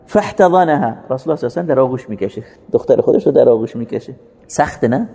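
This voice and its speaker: Gravelly male religious lecturer in a hall. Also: mid-range voice, lively intonation, warm tone. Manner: rises to emphatic, drawn-out recitation of Arabic quotations. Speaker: Islamic teacher explaining hadith.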